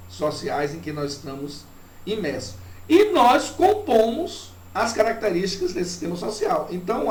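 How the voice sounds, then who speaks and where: A man from Bahia, a university professor with a Bahian Brazilian Portuguese accent, gives a didactic, reflective academic lecture, often checking in with short tag questions. His voice sits on the high side and is a little mellow. The mic is distant in a roomy space, with faint noise.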